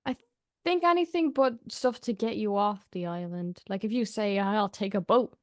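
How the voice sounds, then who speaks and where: A young woman interviewing a guest in a casual chat, soft-spoken and filling her talk with "like". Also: mid-range voice, moderate pace, no echo, clean studio sound. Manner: soft-spoken, heavy use of "like".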